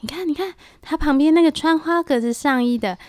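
A woman's voice: sits high, a little fast, dry recording, clean studio sound, lightly acted. A woman playing an adult visitor choosing a child to adopt, judging the children in a picky, gossipy half-whisper. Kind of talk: audio drama acting.

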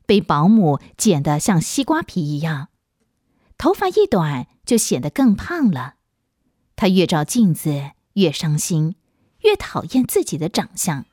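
A woman narrating a children's story in a gentle, expressive storytelling manner on a close studio mic. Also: on the low side, slightly rough, dry recording.

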